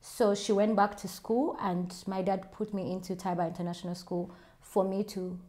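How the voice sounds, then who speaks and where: Speaking at a moderate pace in a medium-pitched, level, dark-toned voice, a Ugandan-accented woman vlogger responds to her viewers' questions. Her manner is relaxed and confident.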